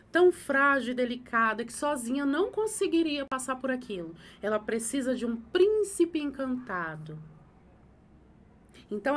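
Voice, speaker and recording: A woman, hosting a live talk on emotions, emphatic and repeating phrases for effect. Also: sits high. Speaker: host giving advice on emotions.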